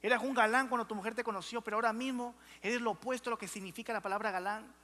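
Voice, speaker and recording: Young male pastor, emphatic preacher, bright tone, long church-hall echo. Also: very high-pitched, steady tone, very fast. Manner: emphatic, calls out to the congregation. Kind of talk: sermon.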